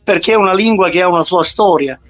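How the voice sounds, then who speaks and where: A man's voice: sits high, fast talker, fairly bright tone, highs cut off. A man with a western Sicilian accent, an interview guest and poet, speaking conversationally and in verse in Sicilian dialect.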